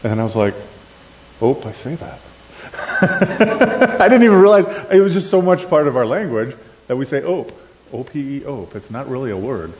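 A man's voice: mid-range voice, normal speed. A middle-aged man with an Upper Midwestern accent speaks at a conference in a church sanctuary, talking straight to the congregation and tossing them questions. His voice carries a long reverb from the hall, with a faint hiss underneath. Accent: Upper Midwestern American. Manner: animated, asks the crowd questions, gestures while talking. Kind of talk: conversational sermon.

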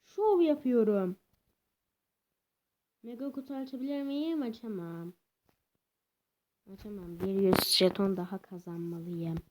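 A young woman giving casual, excitable commentary while playing a video game, swinging between cheering and complaining. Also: mid-range voice, unhurried, pauses often, slight background noise. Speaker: gameplay commentator.

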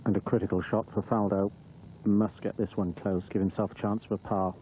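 A man's voice: on the low side, level tone, a little fast, dark tone. A man commentating live on golf as a broadcast commentator. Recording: noisy old TV broadcast audio.

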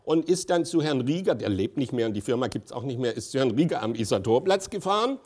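Very animated and fast-talking, a man in his sixties with a medium-pitched, darkish voice recounts long anecdotes as an interview guest. He's a festival director in an on-stage conversation, his stories punctuated by hesitant fillers and chuckles.

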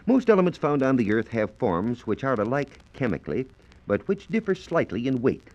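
This American man speaks at a medium pitch with a slightly mellow tone, sounding very animated while keeping a moderate pace. He presents a scripted, carefully worded science lecture in the formal manner of 1940s radio, captured on a dull, lo-fi transcription disc.

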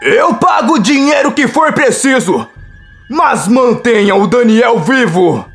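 Woman playing an angry shouting father, loud, faint music. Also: on the high side, lively intonation, unhurried, voice pushed up. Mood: furious. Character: furious wealthy father, shouting.

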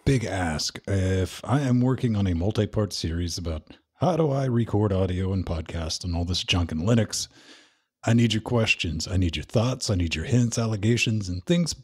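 A man's voice: low-pitched, expressive, normal speed, darkish tone, husky. A man hosting a casual podcast, joking and sarcastic as he runs the talk. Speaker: podcast host. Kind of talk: casual chat.

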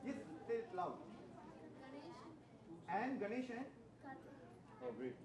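A man's voice: high-pitched, big pitch swings, takes it slowly, darkish tone, distant mic. Dramatic male storyteller in a roomy hall. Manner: dramatic, emphatic, asks the audience questions. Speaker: storyteller at a religious festival. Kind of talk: devotional storytelling to families. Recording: roomy hall from afar, dull.

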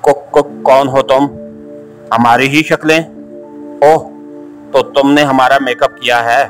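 A man voicing a proud, furious army major in an audiobook, indignant and sharp. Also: medium pitch, slow, soft background music, close to an everyday voice. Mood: astonished. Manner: shouting, indignant. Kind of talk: audiobook character reading.

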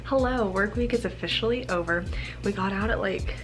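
A woman's voice: medium pitch, fairly quick, over music. An American woman in her early twenties chatting casually to her vlog camera in a bubbly sorority-girl way, peppering her talk with "like" and "literally.". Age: early 20s. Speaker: vlogger, college sorority member. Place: small bedroom, indoors. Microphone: camera at arm's length.

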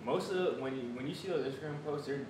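A man in his twenties with an American accent, casually reviewing food and chewing while talking. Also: rapid-fire. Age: 20s. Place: small bare room at a table, indoors. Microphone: camera several feet away. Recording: echoey room, distant mic, clear rumbling noise.

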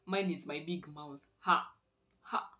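A woman's voice: sits low, a little slow, bright, forceful tone. A young Kenyan woman with a Kenyan accent chatting playfully on her vlog, switching between languages mid-sentence. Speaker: vlogger. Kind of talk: casual chat.

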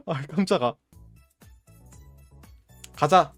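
A man's voice: sits high, wildly swooping pitch, drawn-out words, fairly bright tone, husky, no room sound, studio quality, soft background music. A man streaming a game, giving casual running commentary and playfully scolding his in-game item like a parent.

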